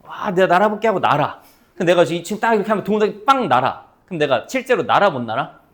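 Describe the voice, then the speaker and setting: A man lecturing a math class, his voice slightly high and swinging widely in pitch. He explains through playful stories, acting out what his students say. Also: fast talker. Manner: lively, playful storytelling with acted-out student voices. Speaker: math teacher.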